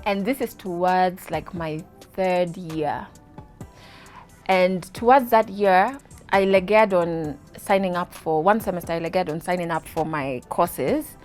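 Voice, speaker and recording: Speaking slowly in a lowish voice, a woman in her thirties with a Kenyan accent shares her story as a guest on an interview. She's lively and laughs often, mixing in Swahili words, while faint music plays in the background.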